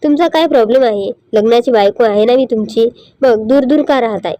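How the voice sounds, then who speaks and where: A woman's voice: a little high, a little fast, no room sound, highs cut off, natural voice. A woman reading a hurt young bride. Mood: upset. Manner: indignant, pained.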